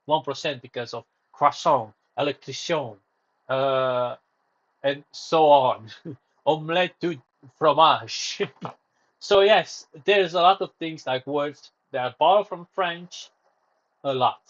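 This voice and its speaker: A Romanian man, whose first language is Romanian, rambles through a casual solo livestream, correcting himself and drifting off topic. His voice is fairly high and slow-paced, and the audio has its highs cut off.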